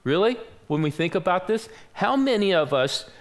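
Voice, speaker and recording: A man's voice: high-pitched, animated, moderate pace. Storytelling older man preaching a sermon. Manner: storytelling, acts out quoted voices, self-deprecating humor. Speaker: pastor. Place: church sanctuary.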